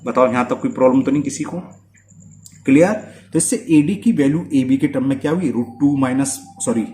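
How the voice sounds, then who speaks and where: A man's voice: medium pitch, mellow, echoey room, slight background noise. A man teaching a school maths lesson at the board, often stopping to ask if students follow. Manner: checks understanding often with quick questions.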